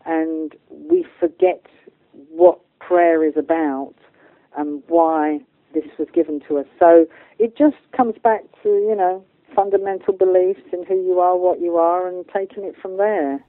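As a medium and channeller interviewed on spiritual matters, a woman talks informally, earnestly and emphatically in colloquial language. Her fairly low voice has lively intonation and a slightly slow pace. The sound is dry and narrow like a phone, with no room sound.

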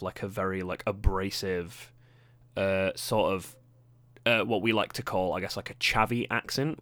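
A man's voice: on the low side, fairly bright tone, dry recording. A young British man with a posh accent, hosting a casual solo podcast in a rambling, self-deprecating way with lots of fillers. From Britain. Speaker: podcast host.

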